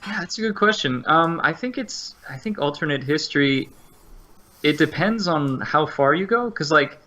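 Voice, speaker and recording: A man from Florida, a game designer, speaking as a podcast guest in a measured, roundabout way. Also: fairly high pitch, expressive, bright, forceful tone. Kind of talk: casual podcast interview.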